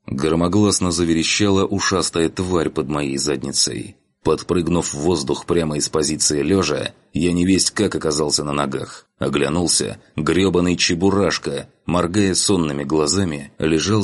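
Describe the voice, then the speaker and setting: Deep dude reading an audiobook, wry first-person telling, low voice. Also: male voice. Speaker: audiobook narrator. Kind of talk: audiobook narration.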